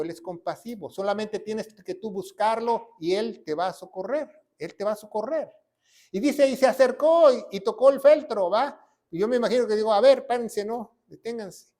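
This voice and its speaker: A man preaching a sermon as pastor, punctuating his points with rhetorical questions and sudden loud emphasis. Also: sits high.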